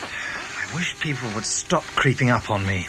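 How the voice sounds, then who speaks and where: A man's voice: medium pitch, expressive, measured pace, very noisy, lightly acted. A man playing the Doctor in an audio drama, a polite, evasive, wordy eccentric with a wry, exasperated streak. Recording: music behind.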